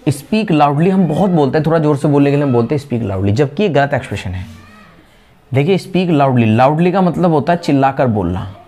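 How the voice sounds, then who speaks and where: A man with an Indian accent teaching spoken English, explaining patiently and repeating example phrases slowly. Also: on the high side, expressive, dark tone.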